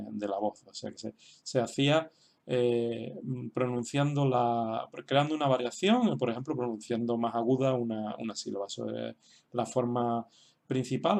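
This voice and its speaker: A man's voice: mid-range voice, a little mellow. A man from explaining a language lesson in an unscripted way, hesitant, with many fillers and restarts. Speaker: teacher.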